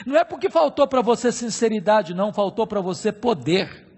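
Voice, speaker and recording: A middle-aged Brazilian man preaching a sermon, with emphatic, slowly stressed phrases and repeated rhetorical questions. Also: high voice, animated, a little mellow, slightly rough. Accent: Brazilian Portuguese. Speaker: pastor. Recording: long hall reverb.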